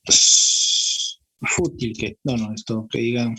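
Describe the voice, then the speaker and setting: A man's voice: mid-range voice, fairly even intonation, slow pace, bright, forceful tone, breathy edge, faint music behind. A man with a Peruvian Spanish accent teaching an exam-prep grammar lesson in a classroom, repeating his points and checking in with students. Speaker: language teacher.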